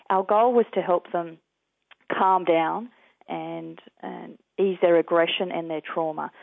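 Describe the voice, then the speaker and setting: Australian man, gravelly voice over phone. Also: on the high side, no room sound. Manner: earnest, measured storytelling. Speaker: guest, peace activist. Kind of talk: recounting experiences in an interview. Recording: tinny dry phone line.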